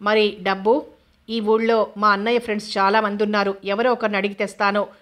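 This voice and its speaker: Woman doing a bold young lady, calm and firm, mid voice. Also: medium pitch, a little fast, lightly acted. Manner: firm and composed.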